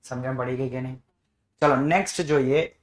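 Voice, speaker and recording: A man's voice: medium pitch, steady tone, normal speed, reverberant. A man teaching math to a class, coaxing students with repeated questions. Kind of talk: classroom lesson.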